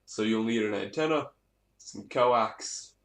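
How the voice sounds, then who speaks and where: Slow and lowish, this man's voice carries a rambling, off-the-cuff, hands-on gear demonstration, with some swearing from the hobbyist presenter. The recording has an echoey room sound, clear background noise, and clicks.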